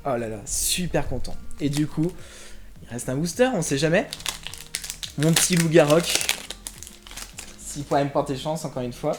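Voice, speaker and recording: A man's voice: on the high side, normal speed, long pauses. Man vlogging a card opening, chatty, lots of fillers, talks to viewers as friends, faint music behind. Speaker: YouTube collector channel host. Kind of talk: casual chat while opening trading card packs.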